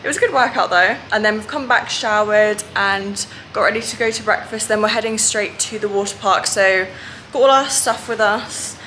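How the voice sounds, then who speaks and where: A woman's voice: mid-range voice, moderate pace, sharp tone, slight background noise. A young woman in her twenties telling holiday stories in a chatty, giggly way for her travel vlog. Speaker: vlogger. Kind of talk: casual travel vlog chat.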